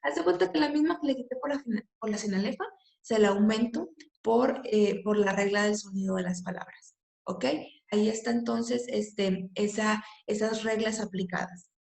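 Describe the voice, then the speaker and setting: A woman's voice: mid-range voice, moderate pace, gravelly, darkish tone. A woman teaching a poetry lesson, patiently explaining step by step and checking in often. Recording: echoey room.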